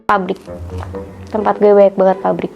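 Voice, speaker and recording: Wanita muda gaul, suara agak teredam. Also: female voice, medium pitch, little pitch movement, normal speed, creaky, highs cut off, faint music behind. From Tangerang, Indonesia. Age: 20s. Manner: slangy, informal and emphatic. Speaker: university student. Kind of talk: casual interview answers.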